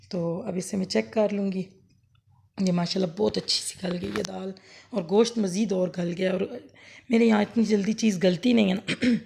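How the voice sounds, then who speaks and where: A woman with a sore, hoarse throat giving a rambling, homely cooking demonstration for her vlog. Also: mid-range voice, warm tone. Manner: homely, rambling, self-correcting explanations. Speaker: cooking vlogger. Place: home kitchen, later outdoors under a fan.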